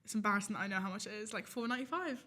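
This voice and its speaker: A woman's voice: mid-range voice, racing, pushed and bright. A young woman co-hosting a student podcast, bubbly, upbeat and chatty. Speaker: podcast co-host. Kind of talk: casual podcast chat.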